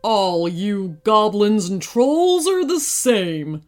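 Woman voicing a gruff lonely dragon. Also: mid-range voice, lively intonation, very slow. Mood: angry. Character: grumpy lonely male dragon, huge.

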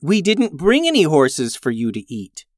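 An earnest young girl lost far from home, her voice pitched high and pleading, as a storyteller puts her on. Every word comes close and dry in a storybook reading. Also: wildly swooping pitch, unhurried, no echo.

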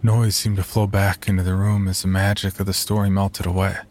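A man narrating a first-person horror story in a measured, storytelling tone. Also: low-pitched, little pitch movement, a little mellow, slight background noise.

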